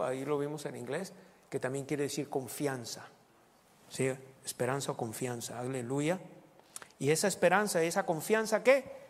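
A pastor preaches and reads scripture with a somewhat high voice, breaking into loud, rising exclamations. His voice rings with long reverb in a church hall. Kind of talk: sermon.

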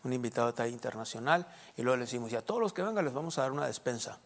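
Preacher in an echoey hall. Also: male voice, mid-range voice, animated, rapid-fire. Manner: asks rhetorical questions and answers them himself. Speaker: pastor. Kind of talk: sermon.

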